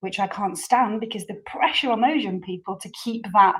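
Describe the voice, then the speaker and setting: Introducing her guest on a casual interview podcast, this woman rambles earnestly and repeats words a lot. Her voice is medium in pitch, pushed and bright, and she talks at a normal speed.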